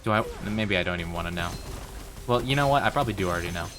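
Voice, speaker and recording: A man with a fairly low voice hosts a casual gaming stream. He banters playfully and conversationally with his viewers, while music plays softly behind him. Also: animated, racing. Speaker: livestreamer. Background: faint music.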